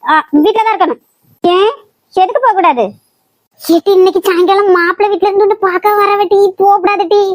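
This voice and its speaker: Brief: a woman plays a melodramatic Kanyakumari mom in a cartoon, very high, scolding. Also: fairly even intonation, fairly quick, no room sound. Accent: Kanyakumari Tamil. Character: fussy middle-aged mother, nagging. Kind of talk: cartoon voice acting.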